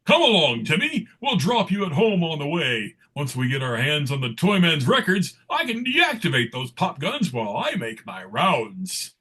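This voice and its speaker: A man playing a jolly, take-charge Santa Claus in a live comic book read, theatrical and raspy. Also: fairly high pitch, wildly swooping pitch, normal speed, hardly any pauses, pushed and bright, exaggerated voice. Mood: commanding. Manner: theatrical, declamatory. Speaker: performer in a dramatic comic book table read.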